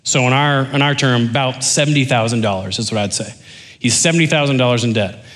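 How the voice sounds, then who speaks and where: A man preaching a sermon, animated and joking with the congregation, then dropping into quiet intensity. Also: mid-range voice, fast talker. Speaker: pastor.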